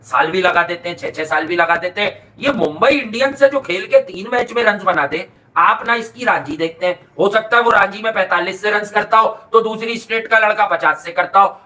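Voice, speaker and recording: A man's voice: sits high, bright, forceful tone. A man giving blunt, slangy cricket reaction commentary.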